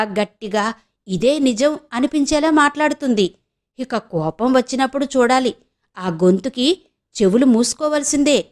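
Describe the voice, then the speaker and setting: A sly, scheming old mother, voiced by a woman narrator in an audio novel. She drags out her words in a slow, insinuating drawl, her voice sitting fairly high. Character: scheming elderly village mother, sly and blunt.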